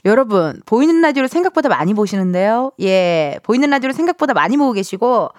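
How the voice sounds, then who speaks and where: A woman radio DJ chatting casually and playfully in a studio, expressive and self-teasing as she hosts. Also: on the high side, fast, no room sound. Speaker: radio DJ, show host. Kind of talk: casual chatty radio hosting, reading listener messages.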